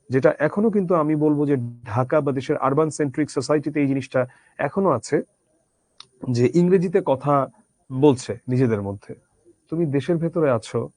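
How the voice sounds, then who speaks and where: A man's voice: fairly high pitch, a little mellow, dry recording. A man teaching a literature lesson conversationally, asking his students rhetorical questions. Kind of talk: Bangla literature lecture.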